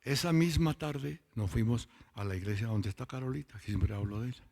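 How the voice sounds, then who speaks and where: A man's voice: medium pitch, vocal fry, darkish tone. A man preaching a testimony sermon at a church meeting, telling stories and drawing out words for emphasis. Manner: storytelling, drawn-out emphatic words. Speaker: lay preacher giving testimony.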